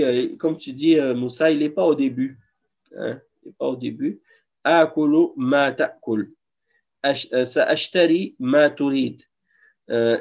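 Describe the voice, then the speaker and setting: A mid-range, creaky, slightly mellow male voice leads an Arabic lesson in a mosque classroom. He explains things patiently and goes over each example again.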